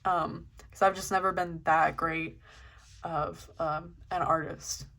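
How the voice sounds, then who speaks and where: A woman's voice: deep voice, fairly even intonation, slow pace, fairly bright tone. A young woman hosting her first vlog, flipping through a journal in a casual, hesitant way with lots of ums. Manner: hesitant, many ums, self-deprecating. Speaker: channel host.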